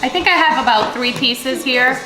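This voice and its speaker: In her home kitchen, a Dominican woman hosts a casual cooking vlog, chatting playfully with viewers and the kids around her. Her voice is high-pitched at a normal speed, and the kitchen sounds echoey with music playing.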